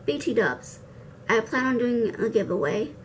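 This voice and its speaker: Seated in front of a camera against a cloth backdrop indoors, this young woman vlogger talks through her makeup tutorial at normal speed, animated and a little high-pitched. She says r like w and drops playful, slangy, self-mocking asides. The audio is poor with slight background noise.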